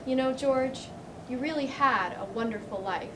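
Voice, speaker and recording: A woman plays a kindly, slightly flustered male guardian angel on a stage, coaxing in a high voice. The sound is roomy and picked up from far off, with a steady hiss of noise underneath. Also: moderate pace, natural voice. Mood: gentle. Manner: patient, coaxing, a little flustered. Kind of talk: amateur stage acting. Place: theatre stage. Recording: echoey stage heard from afar, noisy.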